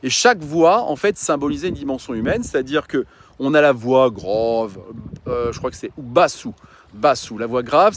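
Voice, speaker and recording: Guy with a bit of a high voice, coach chatting to followers, earnest, lots of ums and restarts. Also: slight background noise. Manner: earnest, reflective, with many fillers and restarts. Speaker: coach and mountain guide. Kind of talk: casual informal talk to followers.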